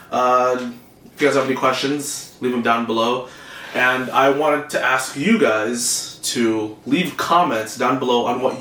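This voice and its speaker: A man's voice: mid-range voice, a bit bright, slight background noise. A young man casually walking through a script on screen, rambling with lots of fillers and "right?", often apologizing and trailing off into a mutter. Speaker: copywriter teaching script writing. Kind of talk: casual screen-share tutorial.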